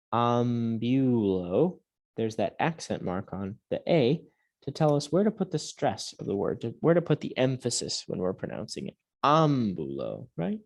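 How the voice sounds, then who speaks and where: A man teaching a Latin lesson to young students, patiently drilling words aloud slowly and clearly. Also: mid-range voice, dark tone. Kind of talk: recorded classroom lesson.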